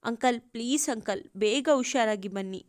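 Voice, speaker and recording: A woman's voice: a little high, normal speed, no echo, clean studio sound, close to an everyday voice. A woman voicing a young woman who pleads through tears. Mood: pleading. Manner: sobbing, pleading.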